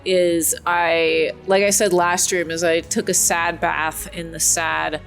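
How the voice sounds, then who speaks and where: A woman's voice: on the low side, level tone, slow, soft background music. A woman playing a tabletop game in casual roleplay chat, offhand and mock-sulky.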